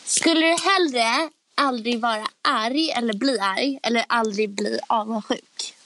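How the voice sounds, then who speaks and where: A young woman co-hosting a podcast in casual chat, talking loudly and acting out voices in quotes. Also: on the high side, a little hiss or hum. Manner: chatty, acts out voices in quotes; talks loudly by habit. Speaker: podcast co-host.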